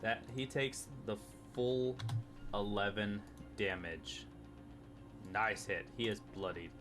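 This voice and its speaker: Low-voiced man running a tabletop game. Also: takes it slowly. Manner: relaxed, counting out movement and rulings. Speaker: game master. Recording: music playing behind.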